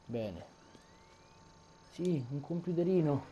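A man's voice: a little high, lively intonation, takes it slowly. A young man giving horror game commentary through a headset, jumpy and swearing at what he sees. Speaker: gaming YouTuber. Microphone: headset earphones. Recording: audible background noise.

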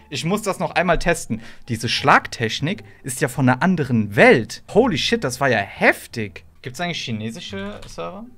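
A young man streaming an online role-play game, commenting loudly and playfully, often switching into mock-dramatic shouts. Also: a little high. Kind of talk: loud playful gaming commentary.

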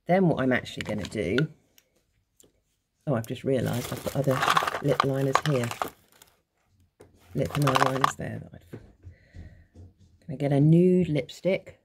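A woman's voice: a bass voice, unhurried, long pauses, very noisy. A woman, a makeup artist, giving a casual makeup tutorial at home in a chatty, informal way while demonstrating as she goes. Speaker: makeup artist and beauty coach.

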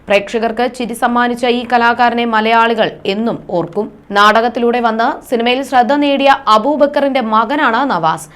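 A woman presenting a scripted news report in a formal, even reading style. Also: on the high side, normal speed, few pauses, clear, resonant tone.

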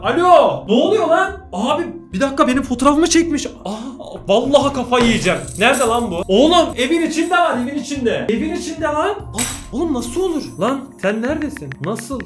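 A man with a high-pitched voice talks straight to his viewers, excitable and loud. He bursts into slangy exclamations. Faint music plays underneath. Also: a little fast, few pauses. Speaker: YouTuber. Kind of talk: excited casual vlog talk to viewers.

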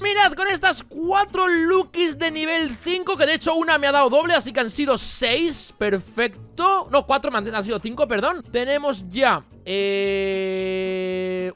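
A young man with a Spain Spanish accent commentates his gameplay, calling out to his viewers and yelling over his dice rolls. His voice sits very high and sounds bright and sharp, and it swings up and down a lot. Faint game music plays behind him. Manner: addresses viewers as "chavales", shouts at big rolls. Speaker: gaming youtuber.

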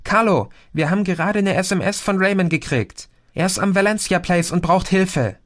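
A man's voice: fairly high pitch, animated, a little slow, fairly bright tone, voice pushed up. A man reading an audiobook voicing a frightened young woman who speaks urgently and out of breath.

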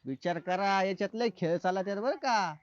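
A man with a high voice, playing an easygoing, agreeable sidekick in a rural comedy sketch. He gives short replies and cautious advice. The sound is dry and a little dull. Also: fairly quick, no room sound. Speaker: comic actor.

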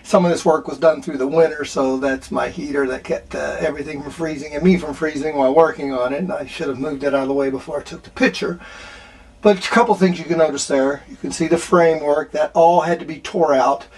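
A man's voice: a little high, steady tone, a little fast, slightly rough. A man narrating a do-it-yourself repair tour, rambling with many fillers and restarts, filmed in a small RV bathroom. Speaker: RV renovation vlogger. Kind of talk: casual walkthrough narration.

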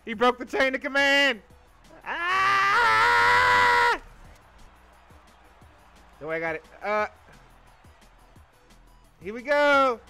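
A man giving casual, excited commentary while playing a video game, playful and silly, often bursting into yells. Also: very high voice, extremely slow, gravelly, long pauses, soft background music. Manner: playful silly sound-making and chanting.

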